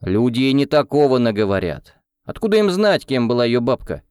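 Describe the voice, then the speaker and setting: A man reading an audiobook, voicing a gruff older husband who brushes off gossip and teases. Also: mid-range voice, big pitch swings, fairly quick, a little mellow, no room sound, clean studio sound, pitched above the performer's own voice, lightly acted. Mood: dismissive. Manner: dismissive, jokey.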